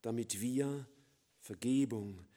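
A man preaching a sermon, swinging between loud emphatic lines and quiet, low, slow passages.

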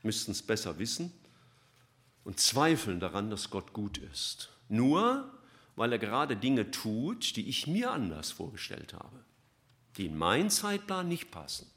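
Dynamic preacher, loud to hushed. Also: male voice, lowish voice, very animated, unhurried. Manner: dynamic, swings from loud emphasis to soft near-whispers. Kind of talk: sermon.

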